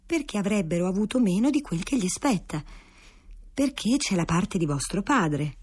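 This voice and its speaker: Woman doing a diplomatic older duke, calm, smooth-talking, husky. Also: mid-range voice, normal speed. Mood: placating.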